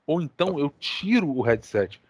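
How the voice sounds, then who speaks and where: A man with a Brazilian accent hosting a gaming podcast, telling stories in casual, animated chat full of slang and swearing. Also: on the high side, normal speed, breathy edge, no room sound. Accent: Brazilian Portuguese. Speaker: podcast co-host.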